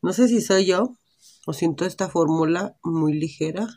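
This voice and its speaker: In a warm, fairly low voice at normal speed, a beauty vlogger with a Mexican Spanish accent tries on lipsticks at home. She chats casually and thinks out loud, indoors in natural light.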